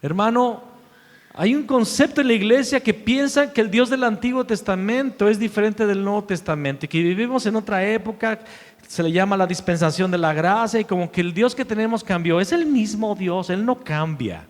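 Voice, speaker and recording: High-voiced preaching man in echoing hall. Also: moderate pace. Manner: emphatic preaching, repeats key phrases, swings between loud and hushed. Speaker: pastor. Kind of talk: sermon. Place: church sanctuary. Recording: long hall reverb.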